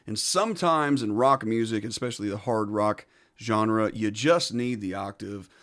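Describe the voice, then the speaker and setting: A man casually walking through how he recorded his own song, talking in a relaxed, conversational way. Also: lowish voice, moderate pace. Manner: laid-back and conversational, says "man" and "so". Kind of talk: casual studio walkthrough.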